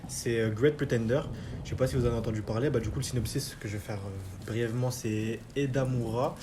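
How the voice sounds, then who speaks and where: A young male host chats casually about anime in a mid-range voice, talking briskly and loosely with slang and lots of fillers, with background noise audible.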